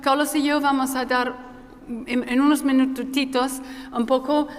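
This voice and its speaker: A woman moderating a conference panel in an informal, halting way, her voice carrying a cathedral-like hall echo. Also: high-pitched, level tone. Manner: informal, halting, often restarting words. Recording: long reverb in a large echoey hall.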